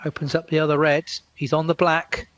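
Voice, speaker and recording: A man giving live snooker commentary as a commentator, in measured short phrases with pauses. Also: fairly high pitch, little pitch movement, fairly bright tone, muffled recording.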